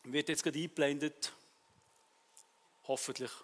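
A man with a Swiss German accent preaching a sermon, telling personal stories and acting out the dialogue in a lively way. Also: on the high side, normal speed, long reverb tail.

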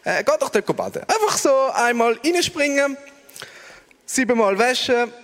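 A man's voice: very high voice, very animated, normal speed, a bit bright, big-room sound, pitched above the performer's own voice, heavily acted. A man with a Swiss German accent voicing a male servant who delivers a message in an offhand, matter-of-fact way. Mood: breezy.

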